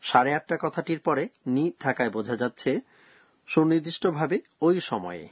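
Husky-voiced man presenting a lesson. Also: on the high side, lively intonation, dry recording, studio quality. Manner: slow, careful explaining of grammar rules. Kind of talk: scripted radio language lesson.

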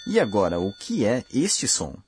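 A man hosting a language course, giving slow, careful, scripted explanations. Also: on the low side, huge pitch swings, darkish tone, slight background noise. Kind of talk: scripted lesson narration.

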